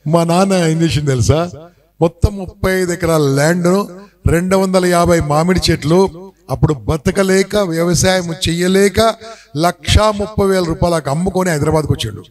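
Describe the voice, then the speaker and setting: Middle-aged motivational speaker, a man, high voice, animated storytelling that keeps asking the crowd questions. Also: moderate pace. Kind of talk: motivational speech to a live audience.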